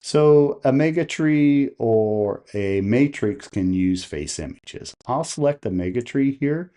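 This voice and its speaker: A man hosts a how-to video on holiday light displays, narrating the tutorial step by step and posing questions to the listener. His medium-pitched voice is dark in tone, animated yet slow.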